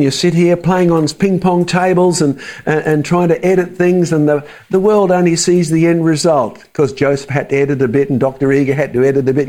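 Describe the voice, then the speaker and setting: A creationist speaker with a mild Australian accent gives a casual church talk, chatting with the audience and tossing in joking asides. His voice is a little high and a little mellow.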